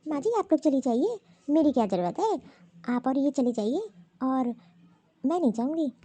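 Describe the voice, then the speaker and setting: A woman's voice: high-pitched, animated, normal speed, mellow, no echo. A woman voicing a meek, put-upon young daughter-in-law in a cartoon, pleading and complaining. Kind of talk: cartoon voice acting.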